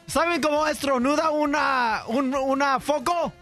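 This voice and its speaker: A man telling jokes on a radio comedy show, loud and excitable, stumbling over words. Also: extremely high pitch, unhurried, soft background music.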